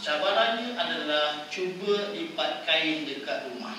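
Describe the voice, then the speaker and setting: A man with a Malaysian Malay accent giving a lively, playful religious lecture in a prayer hall, often quizzing his audience. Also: fairly high pitch, measured pace. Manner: playful, quizzes audience, acts out wives' voices. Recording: echoey hall, distant mic, noisy.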